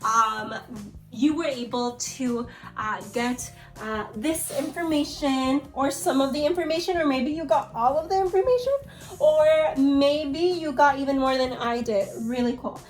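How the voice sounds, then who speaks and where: An elementary school teacher with a high-pitched voice leads a read-aloud lesson for young children, speaking a little slowly and encouragingly to her pupils. Faint music plays behind her.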